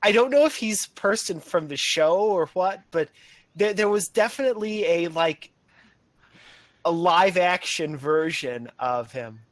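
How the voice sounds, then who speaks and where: A man's voice: high voice, animated, measured pace, dry recording. A man chatting during a let's play, hesitant and stumbling over his words. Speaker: co-commentator. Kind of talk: casual gaming chat.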